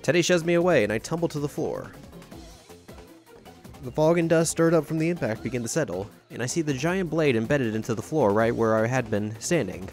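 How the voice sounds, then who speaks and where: A man hosting a game playthrough, reading the story text aloud in a plain, steady way. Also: medium pitch, a little fast, soft background music. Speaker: let's-play host.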